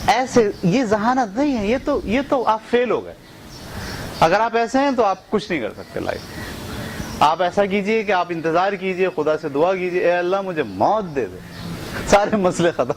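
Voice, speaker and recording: A man's voice: high voice, lively intonation, slight background noise, low-quality recording. A middle-aged man teaching a motivational training session, asking rhetorical questions and acting out the voices he quotes. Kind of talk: motivational lecture.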